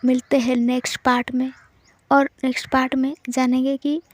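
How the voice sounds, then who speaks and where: A woman's voice: high-pitched, monotone, moderate pace. A woman narrating a romance story in a casual, chatty way and talking directly to her listeners as the channel's host.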